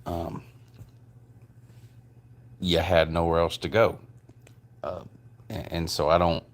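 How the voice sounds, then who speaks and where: Deep-voiced man with slow, slurred, drunken speech. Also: little pitch movement. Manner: halting, repetitive, drawn-out delivery. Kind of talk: rambling personal rant addressed to one person.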